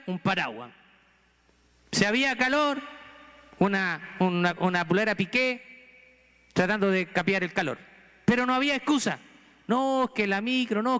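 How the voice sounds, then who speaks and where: A Chilean pastor delivers an earnest sermon in a church sanctuary, challenging his congregation with rhetorical questions in a Chilean Spanish accent. His high-pitched voice is clear, resonant and a bit bright, trailed by a long reverb.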